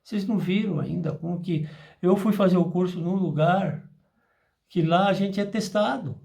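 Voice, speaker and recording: A man teaches an informal spiritual class. His voice sits high for a man, and he keeps slipping into short acted exchanges to make his points. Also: moderate pace, creaky. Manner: animated, acts out dialogues in asides.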